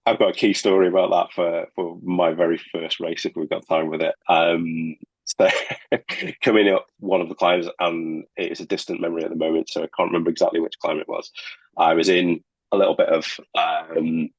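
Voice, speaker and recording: Male coach guest, low and husky, laid-back storyteller, dry close sound. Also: normal speed, no echo, highs cut off. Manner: relaxed, storytelling. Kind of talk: conversational advice.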